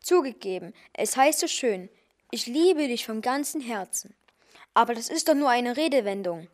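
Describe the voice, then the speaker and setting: A woman's voice: fairly high pitch, lively intonation, moderate pace, natural voice. A woman voicing a kindly man who poses as a wizard in a children's audio story, explaining things patiently and chattily.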